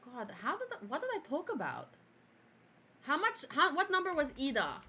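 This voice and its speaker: Her voice high and swinging hugely in pitch at a moderate pace, a young woman with Afrikaans as her first language reviews an anime and reacts to her own old video. She chats casually, giggles, and alternates between loud outbursts and quiet muttering.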